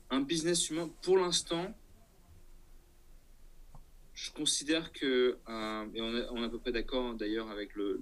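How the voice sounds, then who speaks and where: In a casual interview, an entrepreneur guest hesitates and thinks out loud, frequently checking that the listener is following along. His voice is medium-pitched and slightly bright.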